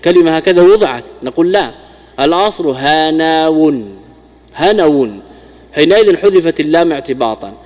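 A man's voice: fairly high pitch, lively intonation, moderate pace, a little mellow, long reverb tail. A man, a scholar, giving a classical grammar lesson, often repeating and restarting words as he explains. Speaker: Islamic scholar teaching Arabic grammar.

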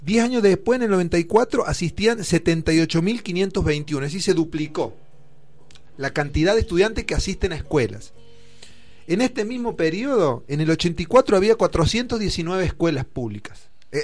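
Speaking with an Argentine Spanish accent, a man explains figures on a discussion program, thinking aloud and leaning on fillers. His voice sits high and sounds animated and brisk, with a darkish tone and faint music in the background.

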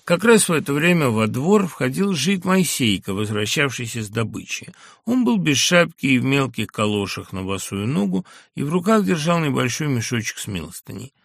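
A man narrating a classic literary audiobook in a measured, expressive reading on a close studio mic. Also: mid-range voice, vocal fry, no echo. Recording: dry studio recording.

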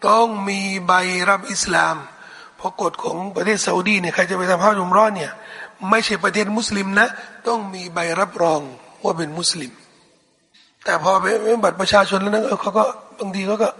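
A man's voice: high-pitched, steady tone, fairly quick, sharp tone, slightly rough. A man preaching a Quran commentary lecture, asking rhetorical questions and answering them himself. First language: Thai. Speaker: Islamic preacher. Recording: long hall reverb.

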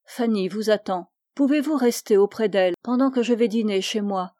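Woman voicing a kindly friend at a sickbed, warm and dry audiobook sound. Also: mid-range voice, normal speed, no echo, lightly acted. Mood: gentle. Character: woman, loyal friend and nurse.

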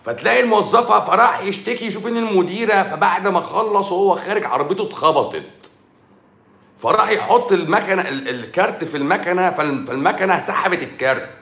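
Egyptian male doctor, rapid mocking livestream rant, echoey room sound. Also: high voice, expressive, a bit bright. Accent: Egyptian Arabic. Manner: sarcastic, mocking, scolding. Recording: roomy echo.

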